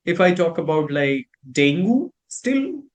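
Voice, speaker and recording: Animated Indian man, high voice. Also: moderate pace. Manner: animated storytelling, acts out reactions. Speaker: host. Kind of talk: casual chat about pronunciation.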